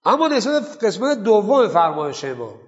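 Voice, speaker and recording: A man's voice: high-pitched, big pitch swings, big-room sound, lo-fi sound. A man teaching a seminary class on jurisprudence. He asks his students questions and then answers them himself. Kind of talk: Islamic jurisprudence class lecture.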